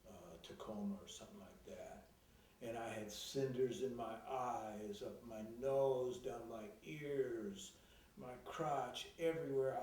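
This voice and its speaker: A man recalling his youth in a halting, rambling way, with many fillers, heard on an old cassette tape. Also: medium pitch, dark tone. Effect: old cassette tape recording. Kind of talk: rambling personal reminiscence. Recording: very echoey, distant from the mic, old cassette tape.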